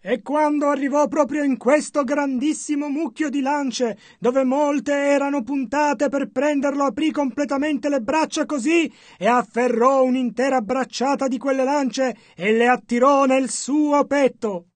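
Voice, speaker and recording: A man reading a sermon translation as a measured voice-over. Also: very high-pitched, steady tone, no echo. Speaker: interpreter.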